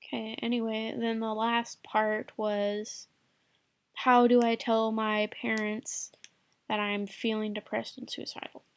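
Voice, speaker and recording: A woman's voice: a little high, flat delivery, slow pace. A woman giving loose, rambling advice to camera late at night, packed with "like" and casual swearing. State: sleepy, yawning late at night.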